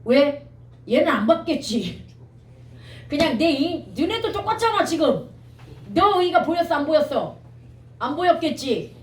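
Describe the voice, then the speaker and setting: High-voiced woman teaching grammar. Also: very animated, reverberant, distant mic, slight background noise, rough recording. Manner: brisk, quizzing students with rhetorical questions. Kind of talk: exam-prep lecture.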